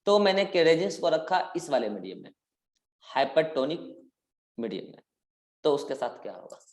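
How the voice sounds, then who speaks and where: A man's voice: fairly high pitch, big pitch swings, normal speed, a little mellow. A man teaching a biology class, quizzing his students and drawing out key words for emphasis. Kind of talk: live interactive class lecture. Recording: roomy echoing classroom.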